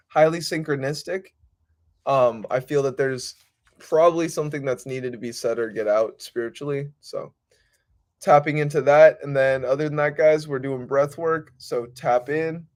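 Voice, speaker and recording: A man's voice: fairly high pitch, normal speed, darkish tone. A man hosting a casual livestream, talking in an informal, rambling, slangy way. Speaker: livestream host. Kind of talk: casual unscripted spiritual livestream chat.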